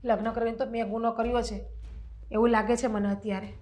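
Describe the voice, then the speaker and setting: An actress playing an overworked, defiant young wife in a stage-play family drama. She talks back quickly, using rustic dialect words. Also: on the high side, level tone, darkish tone, lightly acted. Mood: hurt.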